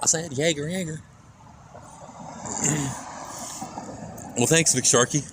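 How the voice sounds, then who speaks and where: Rambling streamer from Kansas, traffic behind. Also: male voice, on the high side, takes it slowly. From Kansas, USA. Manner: rambling, jokey, reads chat aloud. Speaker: IRL streamer. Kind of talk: casual rambling stream chat. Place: outdoors in a parking lot near traffic. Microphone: phone. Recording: phone recording with clear traffic noise outside.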